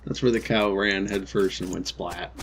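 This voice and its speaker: A man with a husky voice casually commenting on a game and reading its text aloud. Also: sits low, steady tone, normal speed, a bit bright, a little hiss or hum. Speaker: game co-player.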